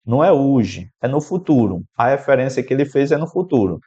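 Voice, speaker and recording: A man's voice: mid-range voice, big pitch swings, a little fast, dark tone, breathy edge. A man with a Brazilian Portuguese accent teaching an exam-prep math lesson, explaining an equation step by step and speaking directly to the student. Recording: slightly dull, lo-fi sound.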